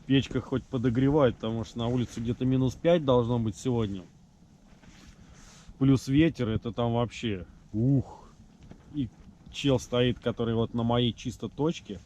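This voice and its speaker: A man with a mid-range voice talks casually to his camera as a fishing vlogger. His speech is colloquial and grumbling, with mild slang curses. Clear outdoor noise and wind on the mic sit behind him. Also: mid-range voice, steady tone, moderate pace, warm tone, muffled recording. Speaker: host of an ice-fishing vlog. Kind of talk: casual vlog chat to camera while fishing. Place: windy frozen outdoors, in and around a fishing tent.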